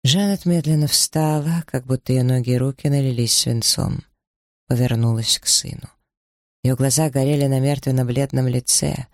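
A man reading a novel aloud in measured, even storytelling narration. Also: mid-range voice, no echo, clean studio sound. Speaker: audiobook narrator. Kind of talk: scripted narration.

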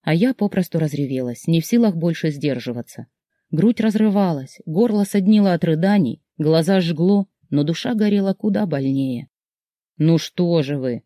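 An expressive audiobook narrator reading a first-person story with feeling. The voice is mellow and soft-edged. It is recorded close and dry, with no room sound. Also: mid-range voice, moderate pace, no room sound.

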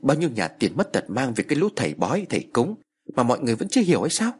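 Man doing stubborn middle-aged man, curt, forceful, husky. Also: medium pitch, wildly swooping pitch, very fast. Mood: angry.

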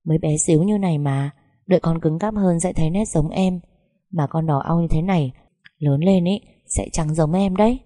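A woman voicing a tender young husband who coaxes and reassures his wife softly. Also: low voice, normal speed, no room sound, clean studio sound. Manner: soft, coaxing, reassuring.

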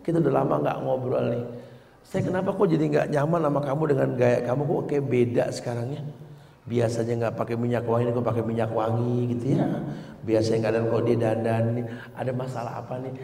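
A man voicing a gentle, pleading wife who quietly confronts her husband, in a soft, hushed, coaxing way. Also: on the high side, fairly even intonation, a little fast, gravelly, voice pushed down. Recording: echoey hall recording with long reverb.

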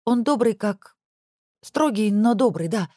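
A young woman lawyer in a spoken audiobook, pitched well up and quick to bristle, as the narrator puts her on. She protests and defends herself with lively, jumping intonation, heard in a dry, close recording. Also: dry recording, natural voice. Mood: indignant, flustered.

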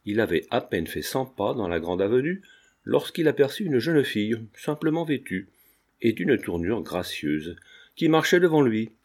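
A man reading a classic novel aloud as an audiobook narrator, in a measured, expressive way. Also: mid-range voice. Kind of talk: scripted narration.

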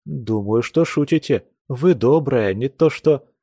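A man's voice: mid-range voice, animated, unhurried, warm tone, breathy edge, no echo, clean studio sound. A man reading an audiobook, voicing an impulsive, eager young man who pleads his case. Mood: pleading.

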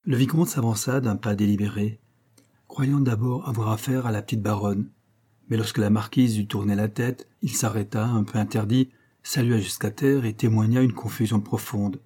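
Husky-voiced male audiobook narrator. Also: fairly low pitch, fairly even intonation, mellow. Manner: measured, literary reading.

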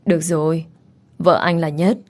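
A woman's voice: sits low, little pitch movement, moderate pace. Woman reading a doting young husband. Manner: soft, caring, reassuring.

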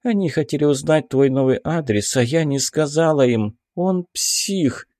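A man narrating an audiobook, voicing a demon posing as a dead mother in a soft, higher voice. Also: unhurried, no room sound, clean studio sound, lightly acted. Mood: pleading. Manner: soft, plaintive.

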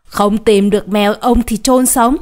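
A woman's voice: mid-range voice, a little fast, darkish tone, natural voice. A woman voicing a hot-tempered middle-aged man who threatens his servant girl. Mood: angry. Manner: angry, threatening.

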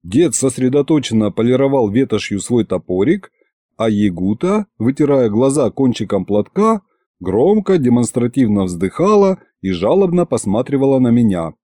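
A man narrating a first-person audiobook in an expressive storytelling manner. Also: medium pitch, moderate pace, dry recording, clean studio sound.

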